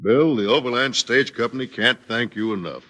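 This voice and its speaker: An actor playing a grateful, businesslike stagecoach company boss with an American accent in a 1950s radio western. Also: male voice, mid-range voice, moderate pace, pushed and bright. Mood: grateful, persuading.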